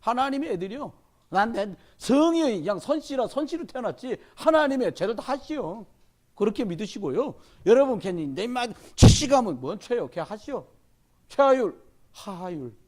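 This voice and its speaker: High-voiced pastor guy preaching, voice jumps all over, loud urging then quiet asides. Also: sing-song, normal speed. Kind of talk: sermon. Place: church during a Wednesday service.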